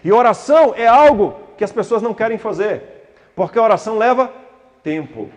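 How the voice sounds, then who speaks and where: High-voiced pastor in a reverberant hall. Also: male voice, animated, a little fast, a little mellow. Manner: acts out prayers and dialogues, rising to fervent pleading. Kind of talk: sermon.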